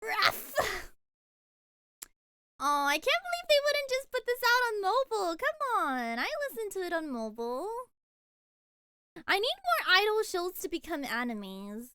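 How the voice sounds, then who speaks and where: A bubbly young VTuber streams casually, reacting to chat with gushing praise, giggles, and repeated words. Her very high voice makes huge pitch swings, bright and forceful, a little slow with long pauses, on a dry recording.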